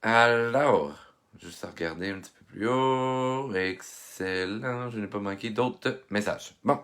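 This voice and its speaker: A lower-voiced man with a Québécois accent hosts a casual live tutorial on his phone. He sounds a little stuffy from a head cold and chats loosely, full of fillers and greetings to viewers. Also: slow, fairly bright tone. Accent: Québécois French. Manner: chatty, greets viewers by name, many fillers. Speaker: art instructor hosting a live stream.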